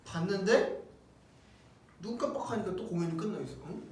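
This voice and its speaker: Young male storyteller, lively, slightly high voice. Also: a little fast, slight background noise. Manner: lively storyteller who acts out quotes. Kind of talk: casual chat, telling anecdotes. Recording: echoey room, far from mic, crowd behind.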